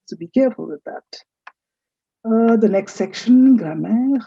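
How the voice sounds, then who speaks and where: A woman teaching French in a recorded lecture, saying each letter slowly and stressing its sound. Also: on the high side, dark tone, breathy edge, no room sound, lo-fi sound.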